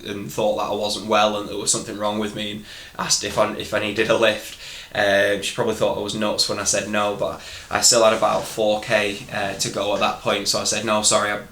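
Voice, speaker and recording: Bright and forceful on the low side, this man's Northern English voice recounts things casually to the camera for his vlog. He hails from northern England, sounds candid and somewhat hesitant, and the recording is roomy and echoing.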